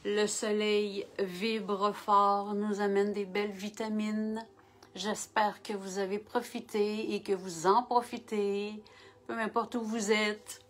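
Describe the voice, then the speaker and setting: A woman with a Québécois accent, a spiritual medium chatting gently with viewers on a live stream and greeting them by name. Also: medium pitch, level tone, slow pace. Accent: Québécois French. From Québec.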